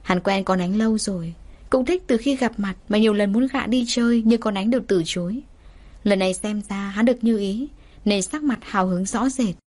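A woman storyteller reading a dramatic tale in steady, even scripted narration. Her pitch sits in an ordinary middle range and the delivery stays measured.

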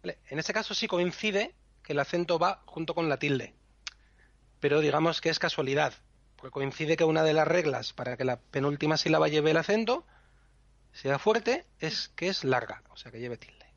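A man's voice: fairly high pitch, normal speed, no room sound, highs cut off. Methodical man explaining. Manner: patient, methodical, spells out syllables. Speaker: podcast co-host teaching Elvish pronunciation. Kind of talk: explanatory podcast lesson.

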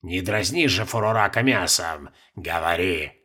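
A male narrator voicing an ancient, shrivelled male ruler who speaks slowly and curtly in a creaky voice, cold and commanding. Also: low voice, pushed and bright, voice pushed down, full character voice. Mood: imperious. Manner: slow, curt, imperious. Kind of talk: audiobook character voice.

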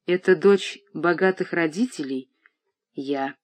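A reader voicing a young daughter in an audiobook, speaking quietly, tenderly and firmly. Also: medium pitch, a little slow, natural voice. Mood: pleading. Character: young daughter, calm, gentle and resolute. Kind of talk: audiobook reading.

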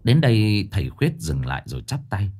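A man narrating a scripted ghost story in a dramatic, expressive way. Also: fairly low pitch, fairly quick, background noise.

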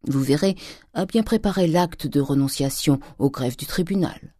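Brief: reader playing a scheming old miser, coaxing, stammering, dark dry audiobook voice. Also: lively intonation, normal speed, no echo, close to an everyday voice. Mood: triumphant. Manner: wheedling, stammering, with sudden whispers and high jumps. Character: old miserly father, cunning and wheedling.

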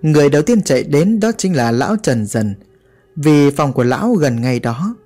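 A man's voice: on the high side, big pitch swings, normal speed, warm tone, faint music behind. A man narrating a horror story in a dramatic, vivid way.

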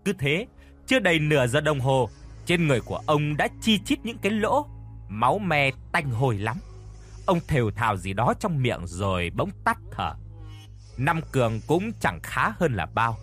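A man narrating a dramatic audiobook tale in an expressive storytelling manner. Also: moderate pace, soft background music. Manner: expressive storytelling, lively pitch.

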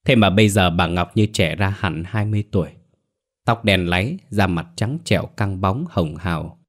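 Brief: male storyteller, low voice, even scripted ghost-tale narration. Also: moderate pace.

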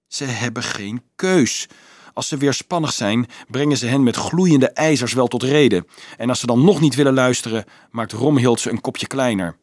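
A man voicing a stubborn, thoughtful teenage boy who talks low and firmly. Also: normal speed, darkish tone, no echo, studio quality, lightly acted.

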